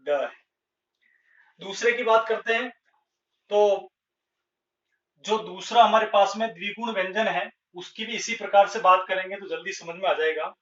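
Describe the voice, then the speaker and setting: A man teaching a grammar lesson at a board, speaking slowly and deliberately and repeating each example word. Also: high-pitched, fairly bright tone. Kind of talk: blackboard Hindi grammar lesson. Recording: echoey room, distant lo-fi mic.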